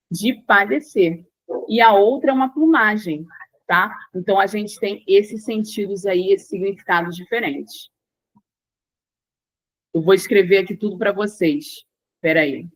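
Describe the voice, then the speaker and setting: A Brazilian woman teaches a language lesson at a mid pitch, going over each point twice and checking that the class is following. Her voice sits close and dry, with no room around it. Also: no echo, poor audio. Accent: Brazilian Portuguese. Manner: explanatory, repeats key points, checks in with "tá?". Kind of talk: online lesson.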